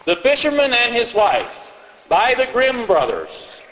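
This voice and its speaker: A man's voice: very high-pitched, wildly swooping pitch, unhurried, fairly bright tone, big-room sound, a little hiss or hum, low-quality recording. Rambling man telling old folk tales. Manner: rambling, hesitant, with many restarts and fillers. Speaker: storyteller. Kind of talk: comic storytelling, reading folk tales aloud.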